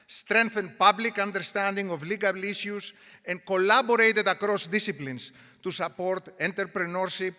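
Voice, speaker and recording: A woman, a university provost, gives a measured, formal commencement speech from an auditorium podium. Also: on the low side, sharp tone. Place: large auditorium. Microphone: podium microphone. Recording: auditorium with long reverb.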